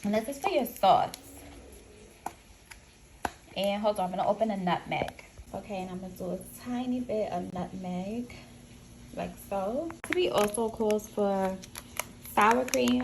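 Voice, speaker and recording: A woman's voice: medium pitch, a little slow. Casual American woman vlogging over household noise. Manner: informal, conversational. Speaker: home vlogger. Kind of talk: casual vlog chat, narrating chores and cooking. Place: indoors at home, kitchen. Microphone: handheld camera. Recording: clear household noise behind voice. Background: household appliance noise.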